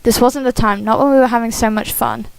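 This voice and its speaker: A woman hosting a game playthrough, reading a visual novel aloud expressively with casual asides, animated and giggly. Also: fairly high pitch, brisk, gravelly, smooth, no echo. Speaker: host of a game playthrough series.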